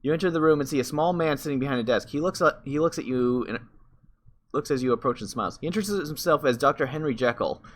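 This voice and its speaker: A man's voice: mid-range voice, fast. A man reading a text adventure game aloud, breaking off for wry comments and correcting himself as he goes.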